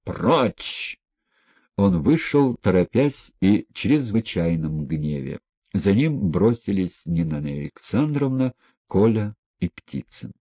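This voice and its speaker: A man narrating a classic novel in a measured, even storytelling manner. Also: low-pitched, husky, no echo. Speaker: audiobook reader. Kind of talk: literary audiobook narration. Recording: dull lo-fi recording.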